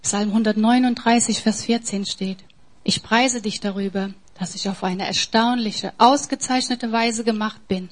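A woman preaching a sermon in an emphatic way, swinging between soft, near-whispered passages and forceful, raised lines. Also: fairly high pitch, fairly even intonation, a little slow.

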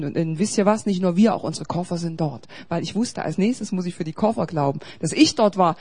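A woman pastor preaching a sermon, swinging between loud, urgent exhortation and quiet, confiding storytelling. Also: fairly low pitch.

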